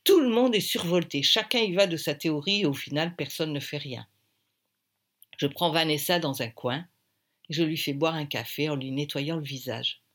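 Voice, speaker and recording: A woman narrating an audiobook in a lively, wry way. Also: low-pitched, moderate pace.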